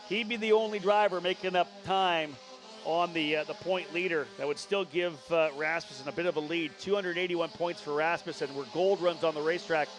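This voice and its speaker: A man's voice: a little high, steady tone, brisk, a bit bright, faint music behind. A man working as a motorsport commentator, giving live play-by-play and running through drivers and positions.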